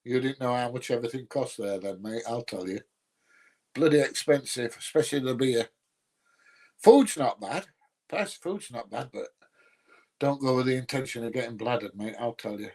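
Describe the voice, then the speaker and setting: Answering viewers' live comments, a Nottinghamshire livestream host chats casually in a medium-pitched, slightly mellow voice at normal speed. His English has a Yorkshire-like sound, and he's blunt and colloquial with grumbling, dry humour.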